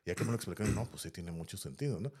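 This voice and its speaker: Expressive and rapid-fire, his voice sits low with a dark tone and a breathy edge. The man, a Mexican-accented podcast host, rambles through a story in casual conversation, regularly tagging "¿no?" and "así" onto what he says.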